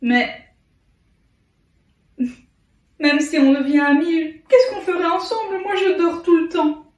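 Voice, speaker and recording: A woman's voice: very high-pitched, steady tone, normal speed, darkish tone. A woman voicing a sleepy, self-pitying male crocodile in a children's tale for toddlers, groaning and complaining hesitantly. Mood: sad, doubtful. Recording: echoey room, distant from mic.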